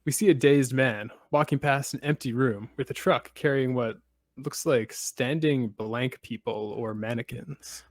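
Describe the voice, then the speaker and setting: Podcast guy walking thru a plot recap, even steady telling, dry little jokes, close dry mic. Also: medium pitch, measured pace, dry recording. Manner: steady storytelling with dry asides. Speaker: podcast host.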